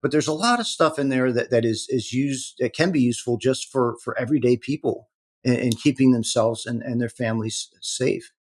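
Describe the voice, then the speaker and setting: A man speaking as a guest in an interview, explaining in an earnest, halting way with many repeated words. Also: medium pitch. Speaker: protective intelligence executive, guest. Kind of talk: conversational interview talk.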